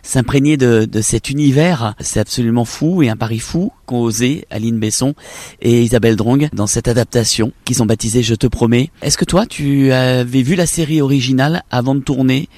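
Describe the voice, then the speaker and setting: A man hosting a TV interview, presenting guests in lively presenter patter. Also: mid-range voice, moderate pace, dry recording. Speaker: TV host.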